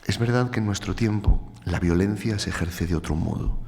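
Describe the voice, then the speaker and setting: Speaking at a normal pace with vocal fry, this Spanish man has a deep, darkish voice and a Spanish accent. His public lecture is earnest and emphatic, with repeated phrases for stress, recorded in a large, reverberant lecture hall.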